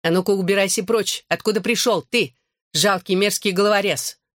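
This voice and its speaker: A man voicing a shrill, paranoid woman of forty. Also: fairly even intonation, normal speed, fairly bright tone, no room sound, studio quality. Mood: furious. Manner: shrill, hostile, suspicious.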